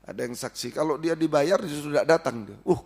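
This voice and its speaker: Guy pastor preaching in church, kinda high voice, keeps repeating stuff, jokey bits in between. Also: a little fast, creaky, darkish tone. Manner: preaching, repetitive and exhorting with playful asides. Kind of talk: sermon.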